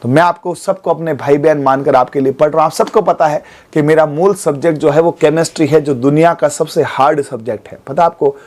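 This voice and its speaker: A man's voice: a little high, fairly quick, hardly any pauses, a little mellow. A man, teaching an exam coaching class in a studio. He keeps checking in with his students as he goes.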